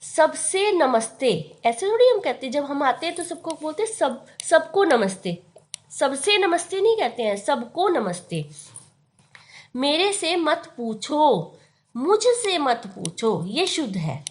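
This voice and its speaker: A woman with a high voice teaches a grammar lesson at an unhurried, deliberate pace. She patiently explains spellings and repeats each word slowly to stress the correct form. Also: big pitch swings.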